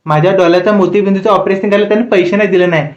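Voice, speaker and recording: A woman's voice: mid-range voice, fairly even intonation, very fast, muffled recording, natural voice. A man voicing a blunt, nosy old grandmother in her seventies who scolds in a rustic way. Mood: quarrelsome. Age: 70s. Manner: sharp-tongued, scolding, rustic. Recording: roomy echo.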